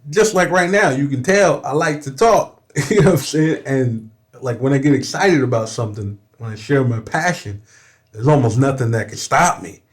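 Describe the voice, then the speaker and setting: He's a young rapper from Southern California on a podcast, his mid-range voice expressive and moderately paced. Telling a personal story, he's candid and emphatic, swears frequently, and keeps saying "you know what I'm saying."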